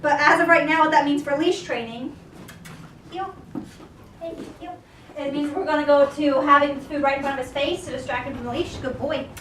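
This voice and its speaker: High-voiced woman dog trainer, roomy. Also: steady tone, fairly quick, a bit bright, distant mic, slight background noise. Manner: short cheerful commands and praise, sing-song encouragement. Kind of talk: puppy training lesson with spoken explanations. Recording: roomy sound, away from the mic.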